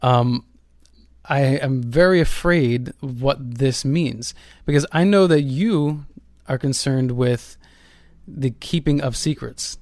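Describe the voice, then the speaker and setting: A man's voice: mid-range voice, slow, a little mellow, no room sound. A man hosting a paranormal radio show in a conversational, somewhat hesitant way.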